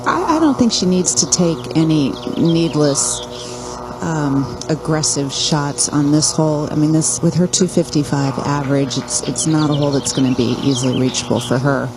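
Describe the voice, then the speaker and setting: Very low-voiced woman, golf commentator. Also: moderate pace. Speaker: golf analyst. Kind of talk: live golf analysis, conversational. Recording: clear outdoor background noise.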